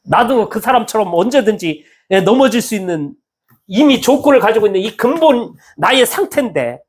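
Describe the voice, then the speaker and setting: A male pastor preaching a sermon in a church, animated and acting out the voices of people he quotes. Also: high voice, moderate pace, husky. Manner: animated, acts out quoted speech with lively swings in tone.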